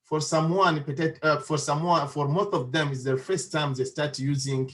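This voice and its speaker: A man from Congo, answering as a panelist in an earnest, halting way with many pauses and restarts. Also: a little high, fairly even intonation, fairly bright tone, poor audio. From Democratic Republic of Congo. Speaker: panelist, refugee advocate.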